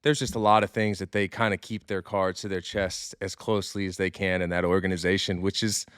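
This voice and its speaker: A man with a lowish, smooth, resonant voice talks through a podcast in a loose, candid way. He swears casually and doubles back on his words as he thinks. The sound is dry and close to the mic. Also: little pitch movement, fairly quick, fairly bright tone, no echo. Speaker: podcast host, former pro baseball player.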